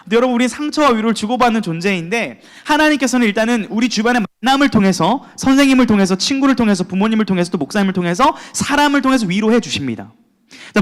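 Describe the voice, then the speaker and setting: Animated young male youth pastor. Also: high-pitched. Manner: playful, talks with the audience, acts out quoted voices. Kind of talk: sermon. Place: church worship hall. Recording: long hall reverb.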